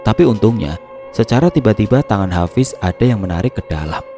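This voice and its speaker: A man tells a scripted horror story in a deep, dark, mellow voice. His delivery is steady and hushed, and soft music runs faintly beneath it. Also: a little fast.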